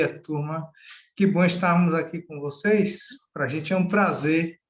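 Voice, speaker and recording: A middle-aged pastor from Salvador, Bahia, Brazil, with a voice on the high side, leads an informal Bible study over a video call. He's chatty and often ends with a tag question.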